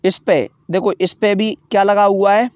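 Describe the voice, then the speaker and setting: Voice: medium pitch, steady tone, moderate pace, darkish tone, no echo, studio quality. A grammar teacher giving an online lesson, patiently repeating key terms and asking questions only to answer them. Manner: asks rhetorical questions, then answers them.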